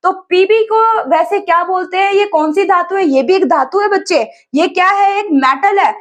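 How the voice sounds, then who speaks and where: A woman's voice: very high-pitched, normal speed. A woman with an Indian accent teaching an exam-prep lesson, calling her students children, asking them questions and answering them herself, and mixing English terms into her speech.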